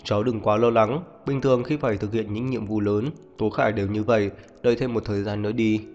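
Man voicing a calm soothing father. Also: medium pitch, fairly quick, natural voice. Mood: reassuring. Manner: soft, reassuring. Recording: muffled reverberant audio, faint music.

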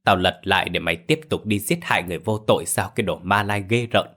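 A man voicing a stern, protective old village father who scolds harshly in a low voice. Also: fast talker, a bit bright. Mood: angry.

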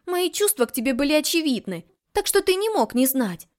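A woman's voice: high voice, animated, slow pace, a little mellow, pitched above the performer's own voice. A woman voicing a blunt, passionate young heroine in an audiobook, speaking emphatically. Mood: exasperated. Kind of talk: audiobook dialogue reading.

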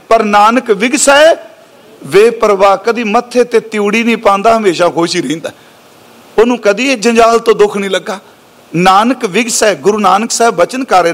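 High-voiced Punjabi preacher expounding scripture. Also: male voice, a bit bright. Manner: explains word meanings slowly, recites verses drawn out. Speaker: Sikh preacher. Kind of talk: scriptural exposition sermon.

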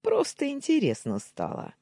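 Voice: high-pitched, huge pitch swings, moderate pace, vocal fry, dark tone, no echo, clean studio sound, voice pushed up, full character voice. Narrator voicing a hot-headed young man. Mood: mocking. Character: hot-tempered young man, loud and pushy.

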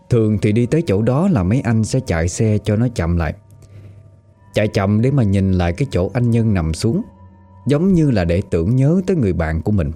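Lively low-voiced Southern Vietnamese storyteller. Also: male voice. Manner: lively, conversational. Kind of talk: spoken storytelling.

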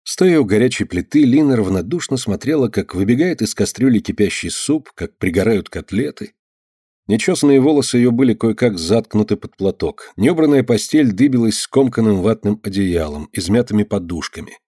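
Mellow male audiobook narrator. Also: on the low side, expressive, normal speed, husky, no room sound, clean studio sound. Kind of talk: scripted narration.

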